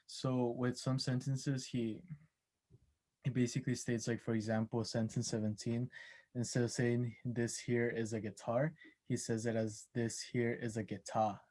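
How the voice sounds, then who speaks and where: Young man, student presenter, flat delivery, mellow tone, halting. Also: mid-range voice. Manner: hesitant, many ums and restarts. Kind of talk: class oral presentation.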